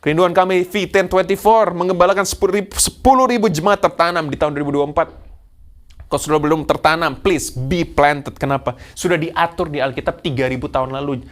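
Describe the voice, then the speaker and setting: A man in his forties preaches from a church stage in a high, lively voice. He talks with animated energy, drops English phrases into the flow, and puts on the voices of churchgoers to make his points. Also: fast talker. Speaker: pastor. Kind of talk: sermon.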